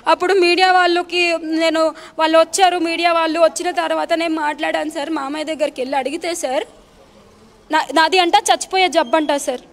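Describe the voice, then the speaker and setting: A woman's voice: extremely high pitch, fairly even intonation, fairly quick. A young woman giving emotional interview testimony to a reporter, pleading and addressing him respectfully. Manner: pleading, repeatedly addresses the listener as sir.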